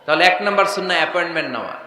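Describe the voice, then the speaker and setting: A man's voice: a little high, lively intonation, bright, forceful tone. A man preacher giving a sermon, firing rhetorical questions at the crowd and acting out short dialogues. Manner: acts out dialogues in quick voices. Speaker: Islamic preacher. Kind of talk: Bengali waz sermon with sung recitation. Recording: echoey hall with faint noise.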